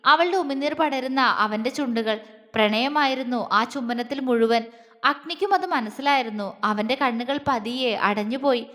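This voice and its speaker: A woman narrating a scripted romantic audio story in a soft, steady manner. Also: sits high, moderate pace, in a large hall.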